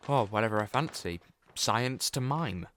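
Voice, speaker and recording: A man's voice: mid-range voice, lively intonation, moderate pace, a bit bright, natural voice. A man playing the Doctor, an eccentric male sleuth in a fan audio drama, talking in a chatty, whimsical way.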